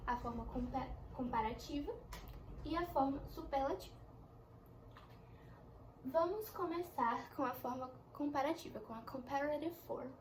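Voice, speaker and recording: A young woman teaching an English lesson in a chatty way, explaining slowly with examples. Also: high-pitched, darkish tone, slight background noise. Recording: echoey room with faint ambience.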